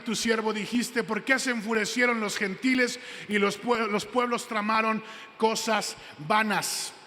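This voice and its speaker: A man's voice: sits high, bright, forceful tone. Man, pastor, emphatic sermon, handheld mic, church hall with long reverb. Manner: emphatic, repeats key phrases slowly.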